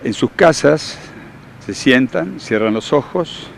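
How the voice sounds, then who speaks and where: Un hombre con acento argentino que da talleres y explica con tono seguro, didáctico y enfático. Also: male voice, mid-range voice, expressive, takes it slowly, vocal fry, a little hiss or hum. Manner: confident, instructive, emphatic. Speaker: workshop leader and therapist. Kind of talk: explanatory interview answers.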